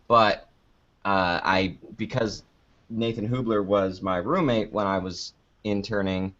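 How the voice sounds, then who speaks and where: A young American man, being interviewed as a podcaster, chats casually with a joking, playfully melodramatic manner. His voice is on the low side and a bit bright, heard through dull, lo-fi audio that sounds like a call.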